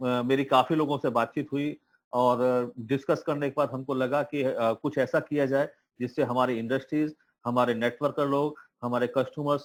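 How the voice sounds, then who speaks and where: A man speaking on an online meeting call, pitching a business plan in a motivational tone with many hesitant fillers. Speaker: presenter of crypto network plan. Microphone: online call audio.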